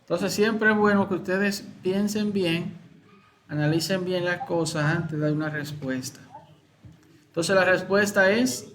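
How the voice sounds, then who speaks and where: A male teacher with a Dominican accent, explaining exam answers to his students slowly, repeating key words and asking questions. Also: sits high, steady tone, a bit bright. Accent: Dominican Spanish. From Dominican Republic.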